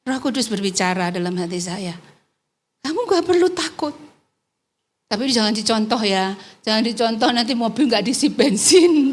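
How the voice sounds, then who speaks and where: A woman's voice: fairly high pitch, fairly bright tone. A woman church elder preaching a sermon in a conversational way, often turning to the congregation with tag questions and telling personal stories with light laughter.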